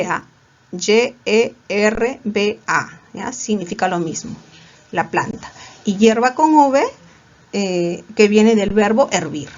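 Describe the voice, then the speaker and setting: A woman teacher, lecturing a class and asking questions that she answers herself. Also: mid-range voice. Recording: dull lo-fi recording.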